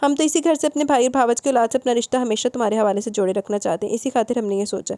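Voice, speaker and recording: A woman's voice: a little high, fairly even intonation, dark tone, no echo, natural voice. A woman voicing a scheming middle-aged mother who persuades in a coaxing, honeyed way in an audio novel.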